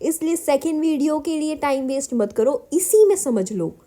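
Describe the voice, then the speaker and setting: High-voiced Indian woman teaching English. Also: animated, moderate pace, warm tone. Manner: encouraging, addresses viewers as beta; mixes Hindi with English phrases. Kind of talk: Hindi-English mixed lesson.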